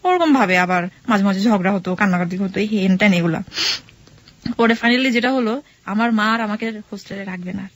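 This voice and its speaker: A woman's voice: medium pitch, a little fast. Young woman telling her story, repeating herself. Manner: repeats phrases, acts out quoted dialogue. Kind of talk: casual radio storytelling.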